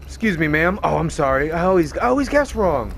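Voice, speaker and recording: A man's voice: fairly high pitch, very animated, fairly quick, vocal fry, fairly bright tone, slight background noise. A man giving casual game commentary as a streamer, crude and sarcastic, swearing freely. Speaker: gaming streamer. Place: indoors, game audio and music behind the voice.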